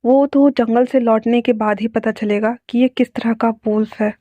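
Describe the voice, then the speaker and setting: A woman reading the lines of a calm, commanding older pack leader in a storybook. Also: fairly high pitch, moderate pace, no room sound, natural voice. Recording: dull lo-fi dry recording.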